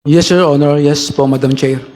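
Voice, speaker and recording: A man's voice: a little high, fairly even intonation, a little fast, a little mellow. A man with a Filipino accent giving brief, formal, deferential answers as a witness at a hearing.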